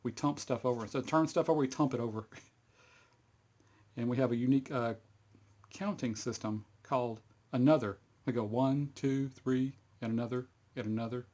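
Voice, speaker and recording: A middle-aged Texan man with a medium-pitched, slightly mellow voice casually demonstrates how to clean a fidget spinner for his YouTube hobby channel. His how-to wanders in a folksy way, full of fillers and frequent chuckles.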